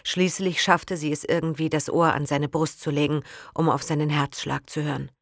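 Brief: woman audiobook narrator, low voice, dry close sound, measured dramatic reading. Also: flat delivery, no room sound.

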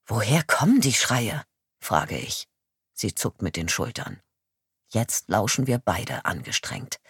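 Husky woman reading an audiobook. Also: extremely low pitch, no echo, studio quality. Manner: lively, expressive reading; firm and urgent in dialogue. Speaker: audiobook reader. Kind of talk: first-person scripted narration.

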